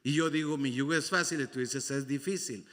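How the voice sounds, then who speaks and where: High-pitched preaching man in a reverberant church. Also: fairly quick, a bit bright. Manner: preaching with repetition and call-and-response to the congregation. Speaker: pastor. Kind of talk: sermon. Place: church sanctuary. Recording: long hall reverb in a church.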